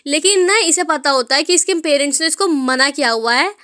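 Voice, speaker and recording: A woman's voice: high-pitched, a little fast, bright, forceful tone. A woman teacher explaining a story to her students, mixing in English words and calling them "beta".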